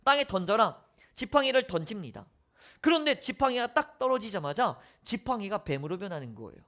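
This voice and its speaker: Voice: mid-range voice, sing-song, brisk, a bit bright. A preacher giving a sermon, telling the story with rhetorical questions and sudden drops to a whisper.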